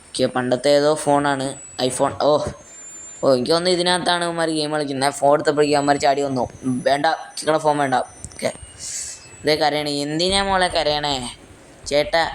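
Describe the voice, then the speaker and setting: A man's voice: fairly high pitch, fairly even intonation, a little fast, pauses often, a little hiss or hum. A young man giving casual, joking gameplay commentary, mixing in English fillers. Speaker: gaming YouTuber.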